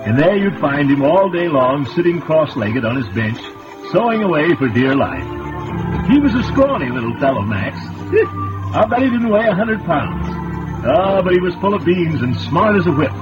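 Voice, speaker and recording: A man tells a children's tale in a folksy, chatty way, chuckling at his own asides. His voice sits a bit high and swoops widely in pitch. It comes through a very old, dull recording with loud music under it. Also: sing-song, moderate pace. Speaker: storyteller. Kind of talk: children's story narration.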